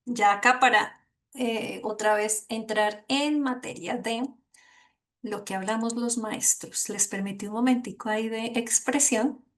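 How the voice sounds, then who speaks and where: Woman teaching an online class, bit of a high voice, earnest, keeps asking "¿sí?" to check in. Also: fairly even intonation, a little slow, a bit bright. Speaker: course instructor. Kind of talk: online lecture.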